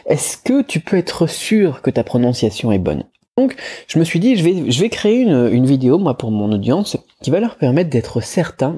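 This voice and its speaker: Man, language teacher, casual video lesson, dark mellow tone, husky, chatty. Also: medium pitch. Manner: chatty, many fillers and restarts; demonstrates tones with head movements.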